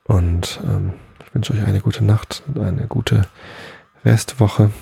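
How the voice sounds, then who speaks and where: Deep gravelly man reading a bedtime story. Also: steady tone, takes it slowly, warm tone. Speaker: bedtime podcast host and reader.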